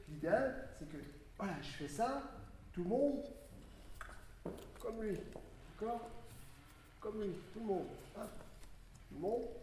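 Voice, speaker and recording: A music teacher leading a group with hand signs, coaxing and animated, giving quick instructions. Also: mid-range voice. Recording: very echoey room with steady background noise.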